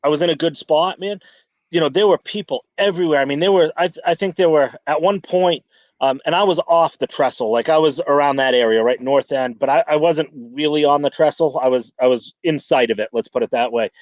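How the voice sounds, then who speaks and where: A man's voice: on the high side, a little fast, dry recording. A man chatting casually on a fishing podcast, rambling with many restarts and fillers. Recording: dull lo-fi dry sound.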